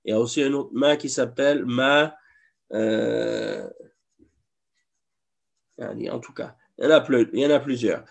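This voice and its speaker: A man's voice: mid-range voice, animated, measured pace, gravelly, pauses often. A man teaching an Arabic class in a mosque classroom, explaining patiently and repeating each example. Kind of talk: classroom lesson.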